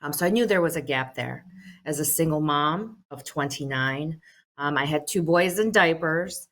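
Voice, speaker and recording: A deep, slightly bright female voice at normal speed belongs to a middle-aged American head of a social services agency. At a telephone town hall, she reads earnest prepared remarks, dropping in "um" again and again.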